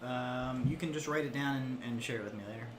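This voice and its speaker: A man narrating a tabletop game as game master, haltingly, often searching for his words. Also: mid-range voice, background noise. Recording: echoey room, loud background music.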